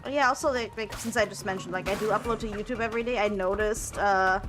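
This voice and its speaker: A young woman whose first language is German chats casually while streaming a game, with music playing behind her. She talks quickly at a medium pitch, rambling, repeating words and filling gaps with lots of ums and likes.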